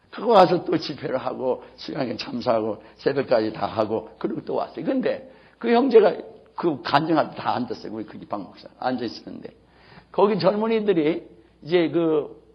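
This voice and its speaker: A male pastor giving a sermon, preaching emphatically and breaking into loud shouts. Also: a little high, husky. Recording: dull lo-fi sermon tape.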